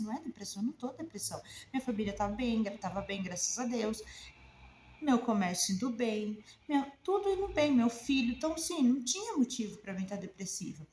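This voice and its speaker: A woman in her forties with a Brazilian accent, speaking at a mid pitch and talking straight to her viewers. She tells her personal story emotionally and conversationally. The room echoes, and a faint background hiss sits behind her voice. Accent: Brazilian Portuguese. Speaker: naturopathic therapist. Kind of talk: personal story told to camera.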